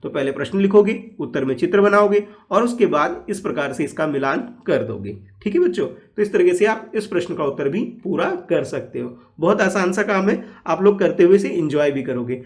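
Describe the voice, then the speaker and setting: A man gives a slow, patient lesson to young schoolchildren, repeating each step and checking in often. His voice sits a little higher than most men's. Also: expressive. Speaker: teacher. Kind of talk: class 1 lesson explanation.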